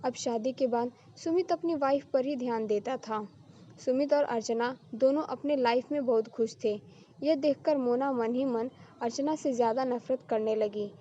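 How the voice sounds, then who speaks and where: A woman narrating a story with steady, expressive delivery. Her voice sits fairly high. The recording is slightly muffled, with a faint hiss underneath. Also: normal speed.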